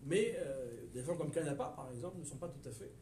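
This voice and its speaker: A man with a French accent giving a history lecture to a live audience, lively and digressive, with hesitations and asides to the listeners. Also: a little high, a little fast, slight background noise. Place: lecture room at a university research center. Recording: echoey lecture room from far off, faint ambience.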